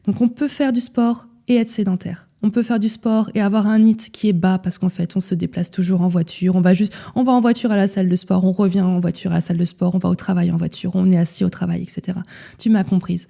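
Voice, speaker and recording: Young female podcast host, mid-pitched and deeply mellow, direct and chatty, keeps checking in with her listener. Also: fairly even intonation, fast, creaky. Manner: casual, direct, addresses listener as tu, frequent "d'accord?". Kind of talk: solo podcast talk.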